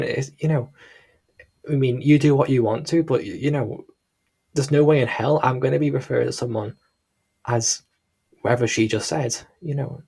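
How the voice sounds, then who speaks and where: A reaction video host from Liverpool, England, speaking with a Scouse accent, offers casual, rambling, disapproving commentary in a hesitant manner. His medium-pitched voice is dark and slightly rough, with vocal fry.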